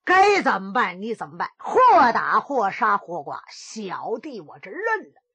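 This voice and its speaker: Woman playing a wronged young nobleman, earnest lament, husky, dry. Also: medium pitch, wildly swooping pitch, unhurried, pushed and bright, no room sound, heavily acted. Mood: resigned. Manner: lamenting, earnest inner monologue.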